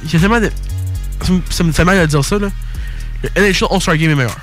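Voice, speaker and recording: A young man with a Québécois accent hosting a casual sports podcast, excitable and slangy, swearing freely. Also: fairly high pitch, fast talker, soft background music. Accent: Québécois French. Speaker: podcast host.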